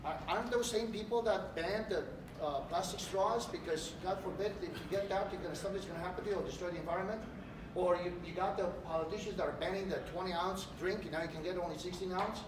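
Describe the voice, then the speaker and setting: A middle-aged man from Romania, a political candidate giving an animated campaign speech in a large hotel meeting room. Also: high voice, fast. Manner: animated, gesturing while speaking. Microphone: far camera. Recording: echoey room, distant mic, background noise.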